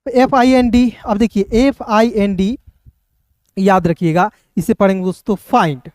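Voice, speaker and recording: A man teaching English reading, spelling out each word letter by letter before sounding it out, speaking fairly softly and often checking that his viewers are following along. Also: sits high, fairly even intonation, measured pace, no echo, studio quality. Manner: keeps addressing viewers as friends and checking they follow.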